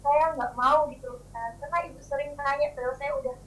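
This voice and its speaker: A woman's voice: high voice, steady tone, fast talker, a little hiss or hum. A young woman calling in with a question, hesitant and full of fillers, her voice choppy, breaking up and sounding far from the mic. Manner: hesitant, with many fillers and restarts. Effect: choppy, breaking-up call audio; distant, off-mic sound. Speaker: caller asking a question. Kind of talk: casual call-in question.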